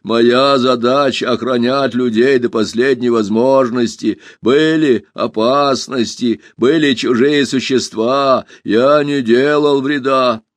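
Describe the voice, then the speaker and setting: A man voicing a stubborn, dutiful male ship robot in a storybook reading, speaking in a slow, deliberate, measured way. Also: mid-range voice, fairly even intonation, dry recording, lightly acted.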